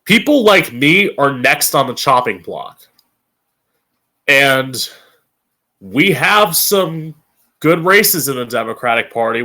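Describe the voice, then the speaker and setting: A man's voice: medium pitch, pushed and bright. An American man hosting as a drag queen, giving an opinionated political monologue to camera in a campy, sassy, blunt manner with swearing. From Florida, United States. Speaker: drag queen host of a political commentary show.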